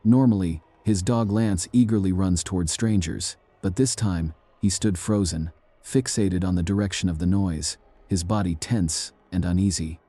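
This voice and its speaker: A man narrates eerie tales in a slow, measured, ominous way. His voice sits very low and dark, recorded close and dry with no room around it. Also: no room sound. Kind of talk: scripted narration.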